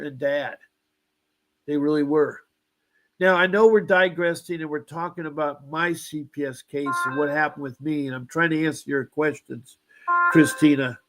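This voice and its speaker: Older guy in his 70s, rambles on with asides, kinda aggrieved, voice sits a bit high. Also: a bit bright. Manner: aggrieved, insistent about injustice. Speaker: guest. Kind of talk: recounting a personal story.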